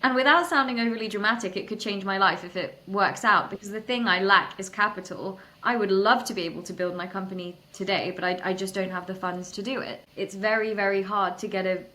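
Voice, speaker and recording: A woman's voice: medium pitch, brisk, few pauses, pushed and bright. A young adult woman, a startup founder, telling her story in a candid, self-deprecating way with frequent restarts. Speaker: startup founder, interview guest. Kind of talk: conversational storytelling interview.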